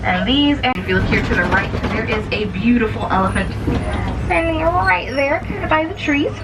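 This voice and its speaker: A woman's voice: animated, moderate pace. A woman giving live safari tour commentary in an upbeat, reassuring, explanatory way. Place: outdoors on a moving safari truck. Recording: distant, noisy vehicle loudspeaker recording. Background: vehicle rumble and outdoor ambience.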